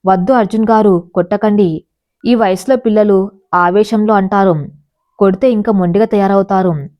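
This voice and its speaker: A woman voicing a grieving stepmother who speaks quietly, holding back her hurt, in a storybook reading. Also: medium pitch, fairly even intonation, moderate pace, highs cut off, natural voice. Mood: pleading.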